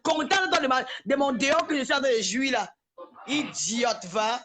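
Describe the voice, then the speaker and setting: A woman, ranting live and trading insults with her critics. Her voice sits high and sounds bright and sharp, and she runs on in a heated, confrontational tone. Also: normal speed. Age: 40s. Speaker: social media personality. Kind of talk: live-stream rant.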